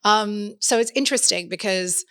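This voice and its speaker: A young woman with an English accent, a podcast guest in a lively interview, who sometimes slips into playful put-on accents. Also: mid-range voice, normal speed, clean tone. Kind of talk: casual interview chat.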